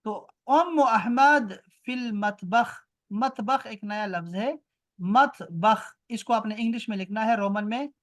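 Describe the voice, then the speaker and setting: A man teaching a language class online. He drills each word slowly and deliberately, repeating it several times. Between the drills he speeds up into brisk, offhand explanations, heard through a video call. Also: high voice. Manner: explains slowly, repeating words and switching to quick asides. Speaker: Arabic teacher.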